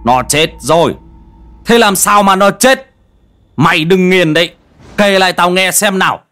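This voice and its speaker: A man voicing a cranky old village man who talks gruffly and scolds, in a storytelling reading. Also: mid-range voice, steady tone, a little fast, fairly bright tone, faint music behind, close to an everyday voice. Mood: demanding. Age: older.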